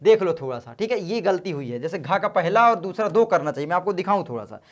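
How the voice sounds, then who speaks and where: A man tutors students through an exam paper in a loose, conversational way, peppering his explanations with quick check-ins. He stays easygoing and encouraging. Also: sits high, lively intonation. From northern India. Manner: casual, chatty, addresses students as brothers. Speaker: teacher.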